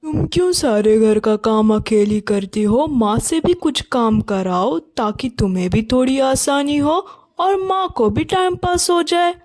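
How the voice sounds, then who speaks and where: A woman voicing a tired, mild young husband in a cartoon, speaking calmly and reasonably. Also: high voice, measured pace. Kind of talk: cartoon voice acting.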